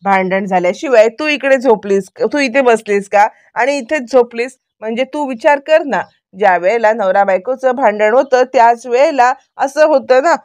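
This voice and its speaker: A woman playing a troublemaking sister-in-law, high-voiced and needling. She blames and keeps pushing the point without letting it drop. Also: normal speed, few pauses, a little mellow, close to an everyday voice. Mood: accusing. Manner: blaming, needling.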